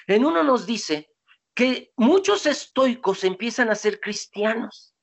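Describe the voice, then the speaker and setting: A lecturer giving an informal talk, digressing often, asking rhetorical questions and answering them. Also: medium pitch.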